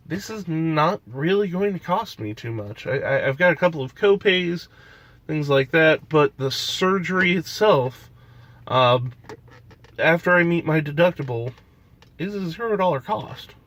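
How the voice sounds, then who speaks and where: A man's voice: on the high side, expressive, unhurried, fairly bright tone. Stuffy-nosed man vlogging casually. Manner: rambling, with many fillers and restarts. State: stuffy nose. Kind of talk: casual vlog chat.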